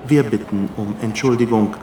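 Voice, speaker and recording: A man making formal train station announcements, measured and clearly articulated. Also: on the low side, roomy sound, noisy background. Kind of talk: public address announcements.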